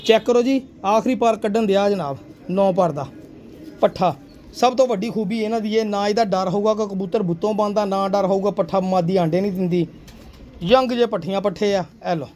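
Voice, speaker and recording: A man with a fairly high voice shows off his pigeons in a casual, persuasive pitch. He keeps calling the viewer sir and brother. Faint pigeon cooing runs behind him. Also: fairly quick, a little mellow, a little hiss or hum. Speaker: pigeon seller showing birds.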